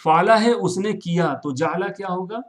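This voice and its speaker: A man teaching Arabic verbs in Urdu, mixing in English words, repeating forms and often checking with "right?". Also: sits high. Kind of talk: classroom-style recorded lesson.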